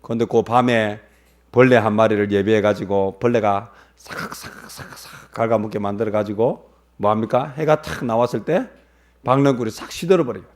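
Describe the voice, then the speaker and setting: A male pastor preaching a sermon, firing rhetorical questions at the congregation and swinging between loud and hushed. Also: lowish voice, steady tone, a little fast.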